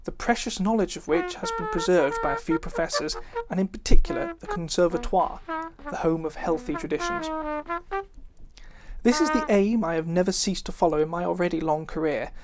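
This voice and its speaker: A person with a female-sounding, medium-pitched voice reads an old, formal book introduction aloud, very animated and a little fast, occasionally stumbling over words. A live brass cornet plays loudly over the reading.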